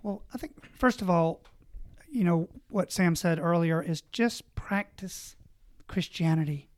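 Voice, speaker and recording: Earnest priest giving advice. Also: male voice, high voice, unhurried, no room sound. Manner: earnest, exhortative, lists points. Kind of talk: conversational advice on a panel.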